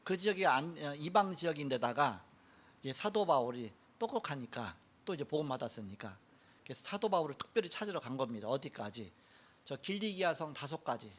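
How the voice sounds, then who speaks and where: A middle-aged male pastor giving a sermon, telling a story with lively acted-out quotes. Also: on the high side. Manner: animated storytelling, acts out quoted lines.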